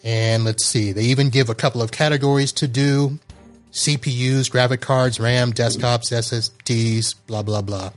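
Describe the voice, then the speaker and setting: A man hosts a relaxed podcast in an everyday mid-range voice. He talks in a loose, chatty way and laughs easily. Faint music sits behind him. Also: mid-range voice, normal speed. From Florida. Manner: chatty, laughs while reading. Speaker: podcast host. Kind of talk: casual podcast chat.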